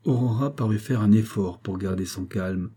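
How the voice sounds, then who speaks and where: A man narrating an audiobook novel in a measured, even storytelling manner. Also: lowish voice, slightly rough. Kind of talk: scripted narration.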